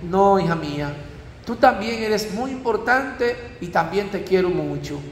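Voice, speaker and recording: A kind, tender man reassures his broken water jar, as a priest acts him out in a parable. The voice is high and rings through a reverberant church hall. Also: expressive, a little slow, a little hiss or hum. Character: gentle kind old man, jar's owner.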